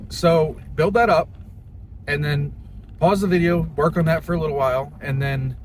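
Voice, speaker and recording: A man's voice: on the high side, steady tone, moderate pace. A young man giving a casual, plain-spoken how-to talk in an informal way, like a hobbyist teaching a skill. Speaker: hobby duck caller giving a tutorial. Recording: noisy, with car and ambient noise.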